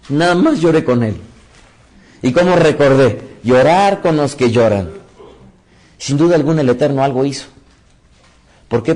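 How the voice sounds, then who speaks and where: A man preaching a sermon, reading scripture aloud and talking straight to his listeners, his voice rising high and loud when the story gets heated and dropping soft and low afterward. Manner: animated storytelling with sudden rises in pitch and loudness; addresses audience directly, reads scripture aloud.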